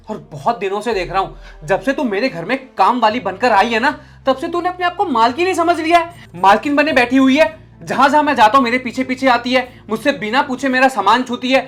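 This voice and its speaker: A man's voice: high-pitched, a bit bright. A young man playing an arrogant employer who harshly and contemptuously scolds his maid. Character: arrogant young male boss, short-tempered. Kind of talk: short film acting.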